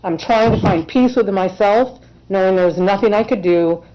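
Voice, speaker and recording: An emotional woman testifies in her own defense, earnest and insistent. Her voice sits at an everyday middle pitch. The courtroom recording is dull and muffled. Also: moderate pace, mellow. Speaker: self-represented respondent in court.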